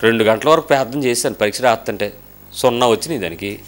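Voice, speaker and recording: A male pastor giving a lively sermon, firing rhetorical questions and acting out voices of the people in his stories. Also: medium pitch, quick pace.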